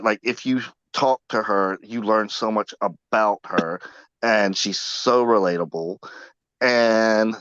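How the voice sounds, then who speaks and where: Slow, soft-spoken earnest man. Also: lowish voice, no room sound, muffled recording. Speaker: former contestant. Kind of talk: casual podcast chat.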